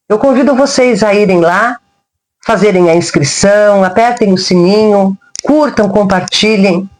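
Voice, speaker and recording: A woman with a Brazilian Portuguese accent narrating a spiritual folk tale in the first person, with gentle, slow, grandmotherly address. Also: mid-range voice. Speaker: spiritual storyteller.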